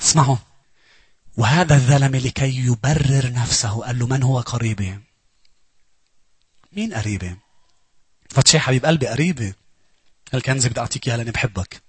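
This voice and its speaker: A man with a Lebanese accent preaching a sermon, animated, swinging between loud urging and low asides. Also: a little fast, long pauses, slightly rough, no room sound. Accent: Lebanese Arabic.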